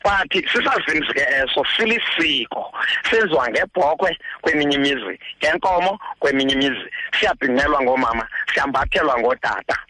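A man's voice: medium pitch, animated, brisk, bright, forceful tone, no room sound, rough recording. A man with a Xhosa accent, explaining traditional custom as a guest expert on talk radio.

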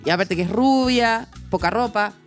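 A woman with a Chilean accent chatting casually as a podcast co-host, telling stories with halting restarts. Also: mid-range voice, soft background music. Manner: rambling storyteller, halting restarts. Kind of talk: casual chat.

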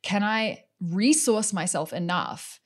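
A woman's voice: medium pitch, animated, slow pace. A woman hosting a casual podcast interview, chatty, peppering her talk with fillers and the odd swear word. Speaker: podcast host.

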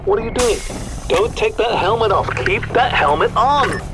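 A man's voice: mid-range voice, moderate pace, over music, natural voice. A man acting as an anxious astronaut mission specialist in an audio drama, urgent and worried. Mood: alarmed.

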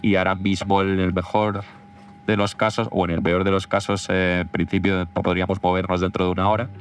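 A man, an airline pilot, making an onboard flight announcement over the aircraft cabin loudspeaker, in a flat, monotone delivery. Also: sits low, brisk, a little hiss or hum.

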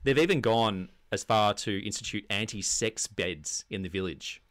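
A man with a broad Australian accent and a fairly low voice co-hosts a comedy show. His casual satirical banter is deadpan and mock-serious. The recording is dry and close. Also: normal speed, no echo. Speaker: comedy podcast co-host. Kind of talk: casual satirical banter about sports news.

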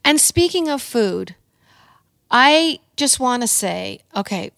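A woman's voice: on the high side, lively intonation, takes it slowly, gravelly, a bit bright, dry recording, clean studio sound. A Canadian woman co-hosting a podcast from her home kitchen, chatting casually and telling stories with playful asides. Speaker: podcast co-host. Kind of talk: casual chat.

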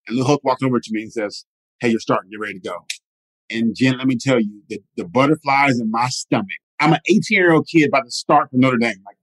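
Fast-talking animated man storyteller. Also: medium pitch, no echo, low-quality recording. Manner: animated, repeats "right?" often. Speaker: guest, motivational speaker. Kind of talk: storytelling interview.

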